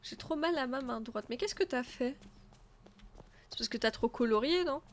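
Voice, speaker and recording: A woman with a blocked nose casually chats while streaming a game, voicing her thoughts and answering her chat, with faint game music behind. Her high-sitting voice is expressive and moves at a moderate pace.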